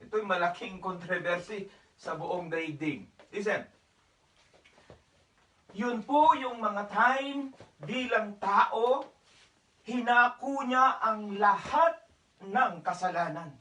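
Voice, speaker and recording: A high-voiced man pastor preaches a sermon slowly, switching between Tagalog and English phrases. His bright voice rings through an echoey room. The mic sits far away from him. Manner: raises his voice for emphasis at times. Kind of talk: church sermon.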